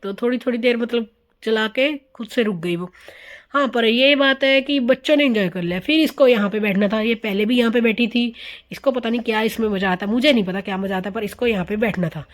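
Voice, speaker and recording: A woman's voice: fairly high pitch, fairly quick. A woman, narrating a casual family vlog as a voice-over in a chatty, amused way, dropping English words in. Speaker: vlogger.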